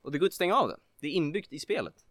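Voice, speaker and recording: Rambling excitable male podcast host. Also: on the high side, no room sound, clean studio sound. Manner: rambling, heavy filler words, excitable. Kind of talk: casual chat about video games.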